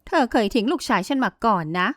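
A woman's voice: mid-range voice, animated, quick pace, dry recording, lightly acted. Woman voices a haughty older matriarch, scornful and scolding, dry close mic.

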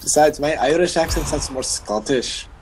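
A man's voice: a little high, moderate pace, darkish tone, a little hiss or hum, rough recording. A man chatting casually with a friend while playing a game, joking, teasing and restarting his sentences. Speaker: gamer recording his session. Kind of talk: casual gaming chat. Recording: game music playing behind.

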